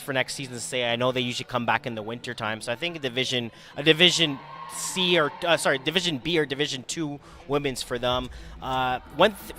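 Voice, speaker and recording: Mid-pitched male sports analyst. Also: a bit bright. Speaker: sports commentator in the booth. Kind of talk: post-game analysis, conversational.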